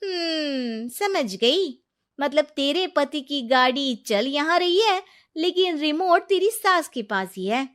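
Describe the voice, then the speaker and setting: A woman's voice: high-pitched, slow, voice pushed up, heavily acted. A woman voicing a cheerful young wife who teases and advises her friend in a cartoon story. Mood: advising. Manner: teasing, lively. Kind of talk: cartoon voice acting.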